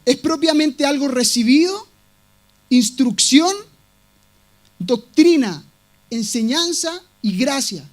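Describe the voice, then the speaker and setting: High-voiced emphatic male preacher. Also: animated, slow, long pauses. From Latin America. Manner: emphatic preaching, repeats key words. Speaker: pastor. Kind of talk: sermon.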